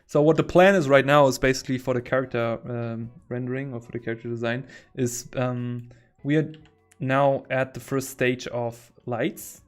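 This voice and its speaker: A man's voice: mid-range voice, steady tone, normal speed, few pauses, soft background music. A man chatting casually on a livestream while he draws, rambling and easily amused. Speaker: artist streaming while drawing. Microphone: headset.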